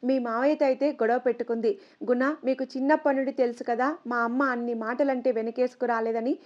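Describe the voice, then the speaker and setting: A woman's voice: a little high, fairly even intonation, quick pace, a little mellow, lo-fi sound, lightly acted. A woman narrator voicing a caring middle-aged aunt who gives earnest, persuasive advice.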